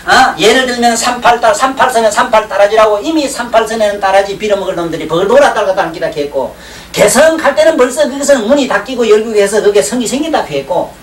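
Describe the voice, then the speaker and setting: A man's voice: extremely high pitch, fairly bright tone. A man giving a classroom lecture on Chinese classics, rambling and joking and often checking in with his class. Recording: roomy 1990s lecture tape, distant mic, faint hiss.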